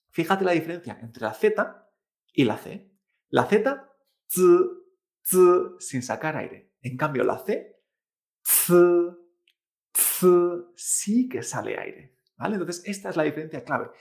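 Man, language teacher, slightly high voice, patient, repeats and demonstrates sounds, frequent check-ins. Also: gravelly. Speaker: Chinese pronunciation teacher. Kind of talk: online language lesson.

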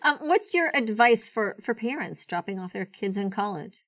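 A chatty woman from Israel hosts a podcast conversation, speaking at a middle pitch. She talks in loose, halting bursts. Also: expressive, a bit bright. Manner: chatty, laughs easily, halting. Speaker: podcast host.

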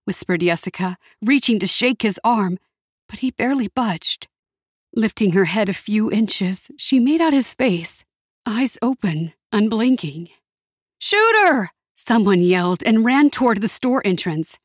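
A woman giving a steady, measured scripted narration of a story. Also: medium pitch, no echo, clean studio sound.

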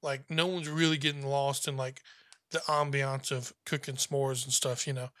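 Bright-voiced man telling a gaming story. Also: medium pitch, little pitch movement, moderate pace, no echo. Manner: chatty storyteller, acts out quotes. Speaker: podcast host. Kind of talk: casual gaming chat.

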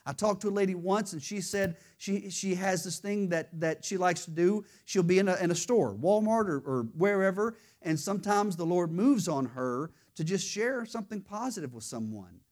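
A woman's voice: lowish voice, animated, moderate pace, few pauses, a little mellow. A woman teaching a church lesson in a conversational way, often restarting and repeating words, and quizzing her listeners. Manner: quizzes the audience with questions. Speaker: Bible study teacher.

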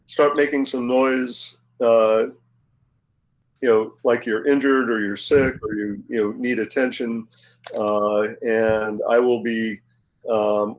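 Man, tabletop player, hesitant, slow, plain mid pitch. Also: low-quality recording. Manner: hesitant, many fillers. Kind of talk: casual game play.

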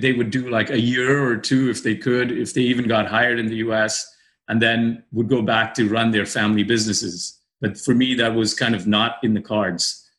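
A man's voice: medium pitch, a bit bright. A man from the UAE, a guest in a casual interview, telling his story candidly with frequent laughs and restarts. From grew up in the UAE. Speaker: podcast guest, managing director.

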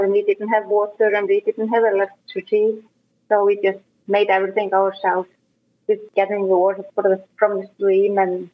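An Icelandic woman speaks English as a second language, her words plain and unhurried and broken by pauses. Her tone stays flat and level. The sound is thin and phone-like, as if it comes through a video call. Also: medium pitch. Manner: plain, halting phrasing with pauses. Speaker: guest. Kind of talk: casual interview chat. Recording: tinny phone-like call audio.

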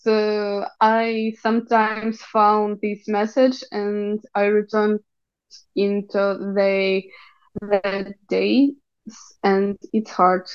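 A young Ukrainian woman with a Ukrainian accent, haltingly searching for English words as she gives a personal account in an interview. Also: a little high, smooth, highs cut off. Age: young adult. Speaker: interview guest.

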